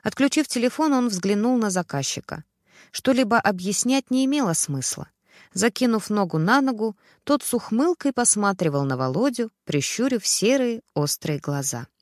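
A woman narrating a dramatic family story in a steady, expressive storytelling voice. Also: mid-range voice, normal speed, dry recording, clean studio sound.

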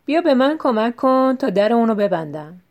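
A woman voicing a clever, scheming husband who speaks loudly on purpose so that hidden listeners can hear him. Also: on the high side, natural voice. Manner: loud and emphatic, staging talk for eavesdroppers. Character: clever scheming husband, middle-aged man.

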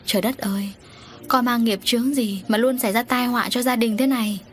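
A woman's voice: on the high side, fast, lightly acted. A woman voicing an anxious middle-aged wife who cries out in distress, in a storybook reading. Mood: fretful.

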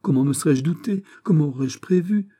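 A man voicing a frightened, fawning prison governor who pleads in a flustered, higher voice. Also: lively intonation, a little fast, mellow.

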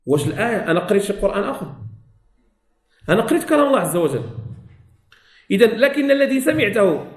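Male Moroccan Quran teacher, high-pitched, lesson recorded in a reverberant room. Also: sing-song, fast. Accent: Moroccan Arabic. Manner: repeats key phrases, asks students questions. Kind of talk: religious lesson explanation. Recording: echoey room.

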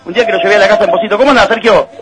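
A man's voice: sits high, racing. A Uruguayan man co-hosting a radio sports show, teasing and laughing through playful banter. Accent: Uruguayan Spanish.

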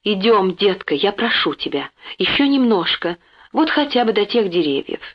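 A woman's voice: medium pitch, very animated, moderate pace. A worried, protective mother voiced by a woman reader, urgent and pleading with her child. Her voice rises with alarm. The recording is dull and lo-fi. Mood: anxious.

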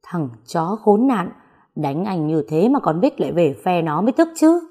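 A woman tells a dramatic story in a low, mellow voice with a husky edge. She reads steadily and voices each character's lines herself. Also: very animated, moderate pace. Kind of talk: scripted audio story narration.

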